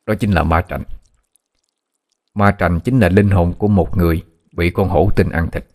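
A man voicing a seasoned forest guide who explains dangers in a steady, matter-of-fact way, in a told ghost story. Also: low-pitched, moderate pace. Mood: explaining.

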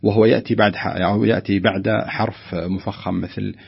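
A man's voice: fairly low pitch, fairly even intonation, brisk, vocal fry, breathy edge, lo-fi sound. A man who teaches Quran recitation, patiently correcting callers and sounding out letters syllable by syllable.

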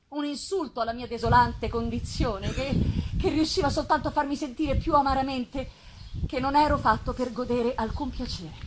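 A woman giving a theatrical, intense literary reading as a lonely, embittered male monster, with deliberate pauses and swells. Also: medium pitch, a bit bright, lightly acted, rough recording. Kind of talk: dramatic literary reading of a gothic novel. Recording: live festival reading with clear noise.

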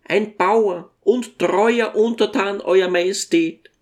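A tiny old dwarf, humble and devoted, recounting his memories with quiet courtesy , voiced by an audiobook reader. His speech is gentle and deferential, at a middling pitch. It is unhurried, storybook-style narration. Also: steady tone, lightly acted. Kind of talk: audiobook character reading.

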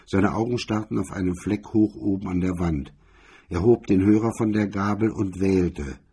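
Brief: male crime-story narrator, dark mellow tone, heavily husky, steady delivery. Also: low voice, normal speed.

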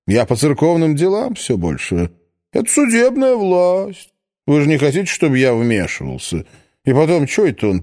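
A man reading a satirical story, voicing a smug, aging cardinal and first minister with a sardonic, drawn-out delivery. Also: a little high, darkish tone, full character voice. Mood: dismissive.

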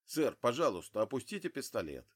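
A man doing a calm, firm negotiator. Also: medium pitch, a little fast, husky. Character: calm male official, steady negotiator.

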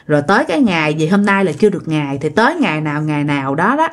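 A woman's voice: low-pitched, very animated, rapid-fire. A woman narrating a ghost story in a conversational way, speaking directly to her listeners.

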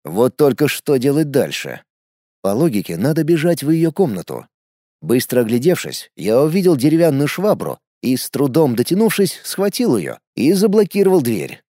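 A man reads a first-person adventure audiobook in a lively, animated way, his pitch moving a lot. His tone is dark and mellow, somewhat higher than most men's. The close recording is dry, with no room sound. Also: normal speed, dry recording. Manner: lively storytelling with shouted character lines. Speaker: audiobook narrator.

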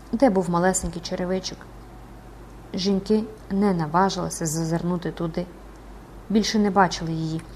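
A woman reading a classic novel as an expressive, dramatic audiobook narration. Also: mid-range voice, a little hiss or hum.

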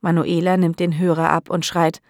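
A woman narrating a learners' audiobook in a clear, measured way. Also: fairly low pitch, flat delivery, a little mellow, no echo, studio quality.

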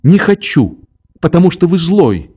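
A defiant, tearful little orphan girl , as a male reader puts her on, lashing out in shrill, high sobbing cries. Her voice jumps far above the reader's own, slow and dark in tone. It is a storybook reading of a classic novel. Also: very animated, slightly rough, heavily acted.

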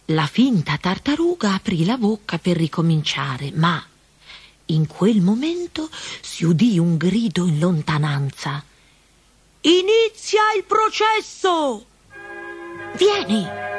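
A woman reading a children's fairy tale aloud with expressive, measured narration. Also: fairly low pitch. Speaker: storyteller. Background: music.

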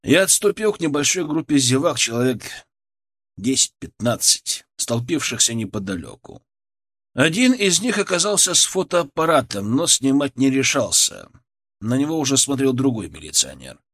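A man narrating a first-person story, reading it as an audiobook with lively, varied intonation. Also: mid-range voice, moderate pace.

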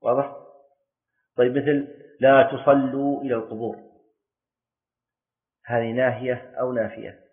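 A man's voice: medium pitch, flat delivery, normal speed, long pauses. A man teaching a classroom lesson, explaining step by step, quizzing his students and repeating key words for emphasis. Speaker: teacher of Islamic jurisprudence. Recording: tinny lo-fi lesson recording.

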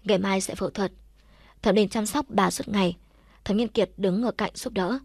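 Woman audiobook narrator, steady reading, dry close sound, mid pitch. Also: normal speed, slightly rough, dry recording. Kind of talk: scripted story narration.

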